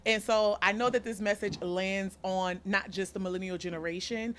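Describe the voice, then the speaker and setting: A woman in her thirties hosting a podcast, speaking an earnest, deliberate, heartfelt monologue. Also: medium pitch, steady tone. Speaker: podcast host.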